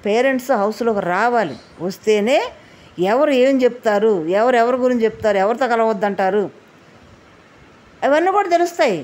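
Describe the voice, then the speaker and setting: Woman, pretty high voice, chatty show review, keeps asking for comments. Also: expressive, moderate pace, darkish tone. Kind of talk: casual opinion commentary.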